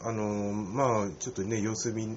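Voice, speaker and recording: A man's voice: on the low side, little pitch movement, normal speed. A man co-hosting a casual radio talk, easygoing, giving many short replies. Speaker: co-host. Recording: slightly dull audio with faint ambient noise.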